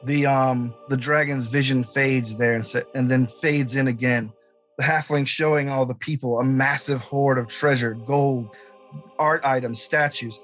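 A man acting as game master, improvising narration for a tabletop game in a halting way. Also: mid-range voice, fairly even intonation, a bit bright, faint music behind.

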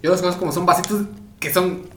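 A man with a Mexican accent, co-hosting a casual drinking chat in rapid slangy banter. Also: sits high. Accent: Mexican Spanish. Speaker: podcast co-host. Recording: echoey room.

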